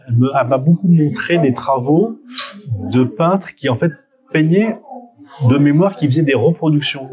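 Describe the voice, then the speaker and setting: A middle-aged Frenchman, a photographer under interview, recalls old memories in a mid-range, darkish voice. Answering spontaneously, he hesitates, backtracks to correct himself, and repeats words frequently.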